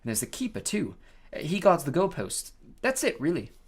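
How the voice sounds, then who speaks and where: A reader playing a weary teenage schoolboy from a storybook, answering flatly and heavily. He sounds resigned, with a faint huskiness. Lively pitch when he explains. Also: normal speed, husky, full character voice. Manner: flat, heavy, resigned.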